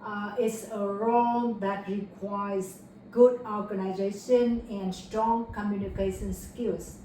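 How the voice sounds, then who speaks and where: The candidate is a young Vietnamese woman with a warm, mid-range voice taking a mock speaking test. She answers in careful, rehearsed English, using fillers and correcting herself, while the recording comes from an echoey room far from the mic with faint noise.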